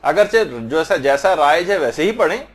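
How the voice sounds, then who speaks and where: A man giving a religious lesson, slowly demonstrating and repeating words of prayer to correct pronunciation. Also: on the high side, animated. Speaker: religious teacher.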